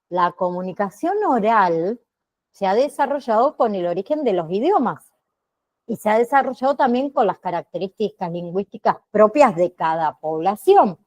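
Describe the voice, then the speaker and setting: A woman teacher giving an online class lecture, speaking deliberately and checking in with frequent tag questions. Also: mid-range voice, darkish tone. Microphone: computer mic on a video call.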